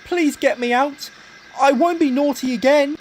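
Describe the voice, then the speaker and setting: A man voicing a cheeky little male tank engine in a storybook reading, squeaky and excitable. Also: unhurried, a little hiss or hum. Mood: dismayed.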